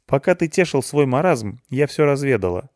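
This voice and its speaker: A male audiobook reader voices a mocking young woman gamer who is worn out, grumpy, and quick with insults. He raises his pitch well above his own for her, and she sounds natural, sing-song, teasing, and sharp-tongued. The recording is dry and close.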